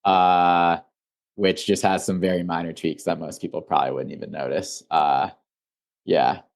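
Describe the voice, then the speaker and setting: Young male founder from Illinois, deep-pitched, loose and chatty in conversation. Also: moderate pace. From Illinois, USA. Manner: relaxed, rambling, many "like" fillers. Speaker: founder and guest. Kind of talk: casual interview.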